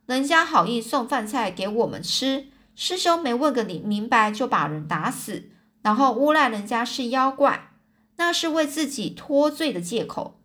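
A woman's voice: a little high, lively intonation, moderate pace, fairly bright tone. A woman voicing a greedy, sly male pig disciple who needles his elder brother in a children's storybook reading. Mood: needling.

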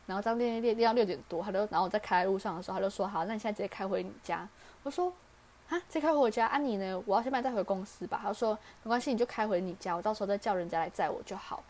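A young woman with a Taiwanese Mandarin accent hosts a podcast and chats through a personal story at a quick clip. She talks fast and plays out the lines of the people in the story as she goes. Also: medium pitch, darkish tone. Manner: chatty, acts out quoted dialogue. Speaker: podcast host. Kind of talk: casual storytelling.

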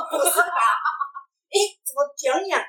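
A woman's voice: very high voice, takes it slowly, sharp tone, distant mic. A woman co-hosting a casual chat who teases her partner playfully and breaks into laughs. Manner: playful teasing, laughing interjections. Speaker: podcast co-host.

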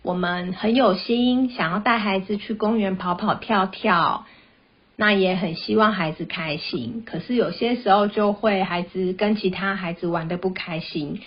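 A mother hosts a parenting podcast, chatting gently and sharing stories about her kids. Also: mid-range voice, moderate pace, slightly rough. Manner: gentle, chatty, tells personal anecdotes. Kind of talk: casual podcast monologue. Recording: dull, slightly lo-fi sound.

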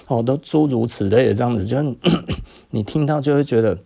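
A middle-aged man, hosting a podcast and casually telling stories from his own life, tagging his phrases with a drawn-out "hm" particle and chuckling as he goes. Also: mid-range voice, vocal fry, warm tone. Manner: tags nearly every phrase with a drawn-out "hm" particle and chuckles often. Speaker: podcast host. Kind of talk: casual personal storytelling.

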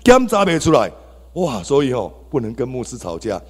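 A man's voice: medium pitch, huge pitch swings, normal speed. A man with a Taiwanese Mandarin accent giving an exclamatory testimony to a church congregation, addressing the listeners directly. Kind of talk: testimony sermon. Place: church hall. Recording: reverberant church hall.

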